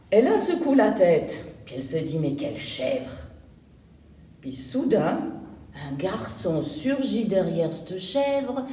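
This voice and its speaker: A woman reading a picture book aloud to young children in a library, explaining words as she goes. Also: mid-range voice. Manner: slow and animated, explaining words to kids. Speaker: volunteer children's reader. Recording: roomy room, distant mic.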